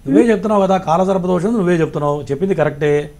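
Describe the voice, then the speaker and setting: A male astrologer with a high voice and a rapid, clipped delivery. He lectures callers bluntly and tells them what to do. He speaks in a call-in advice format. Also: mellow.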